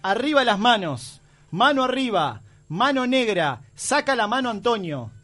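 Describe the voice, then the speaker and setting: A man's voice: very high voice, a little slow. A Uruguayan man with a Rioplatense accent hosting a playful radio quiz, joking and teasing his guests. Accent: Rioplatense Spanish, Uruguayan. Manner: animated, jokey, shouts when excited. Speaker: radio show host.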